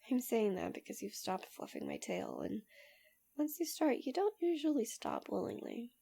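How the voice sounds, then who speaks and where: A woman voicing a doting, possessive fox-spirit wife in a soft, breathy ASMR role-play, speaking gently, intimately and soothingly. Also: fairly high pitch, full character voice. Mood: adoring, tender.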